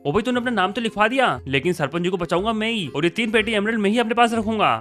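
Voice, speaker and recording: A man narrating and playing through a game roleplay story, animated and chatty as he addresses viewers. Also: high-pitched, racing. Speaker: gaming host and player.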